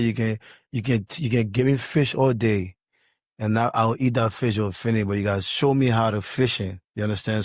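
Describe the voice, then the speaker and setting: A man's voice: on the low side, no echo, clean studio sound. A man from Liberia hosting a casual podcast discussion, talking emphatically and repeating words as he builds his point. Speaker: podcast host.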